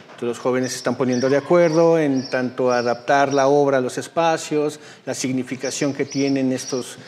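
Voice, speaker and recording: A male theater teacher talks through a rehearsal, pausing often and filling gaps with hesitations. His mid-pitched voice rings with the long reverb of a hall. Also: fairly even intonation, darkish tone, a little hiss or hum. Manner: hesitant, many fillers. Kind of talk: casual interview.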